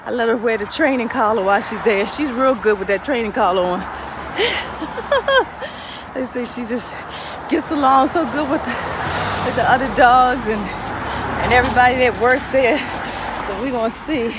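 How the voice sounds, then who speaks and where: A woman's voice: a little high, lively intonation, normal speed, very noisy. A woman pastor talking casually while walking her dog, praying and chatting to viewers. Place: outdoors on a street, then inside a pet shop.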